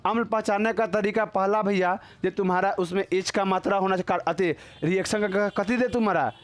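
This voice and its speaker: A man's voice: sits high, steady tone, fairly quick. A man with a Bihari accent teaching a class, constantly quizzing his students in a chatty, joking way. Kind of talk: classroom lecture.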